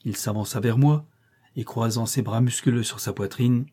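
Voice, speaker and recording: A man narrating a classic short story in the first person, reading in a measured, literary manner. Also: medium pitch, warm tone, slightly rough. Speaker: audiobook reader.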